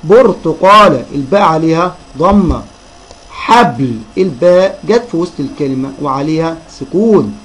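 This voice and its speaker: A man with an Egyptian Arabic accent teaching a children's reading lesson, sounding out syllables slowly and addressing the kids as friends. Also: fairly high pitch, animated, low-quality recording.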